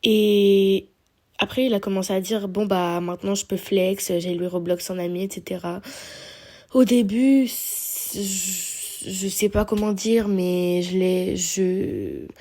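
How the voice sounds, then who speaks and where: A woman's voice: mid-range voice, slow, dark tone. A young woman telling her story hesitantly, with frequent fillers. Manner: hesitant, many "euh" fillers. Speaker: testimony giver.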